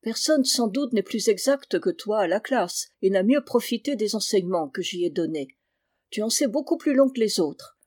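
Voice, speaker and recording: A woman's voice: mid-range voice, expressive, moderate pace, a little mellow, dry recording, studio quality, close to an everyday voice. A woman voicing a stern village schoolmaster lecturing a pupil. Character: stern moralizing village schoolmaster, older man.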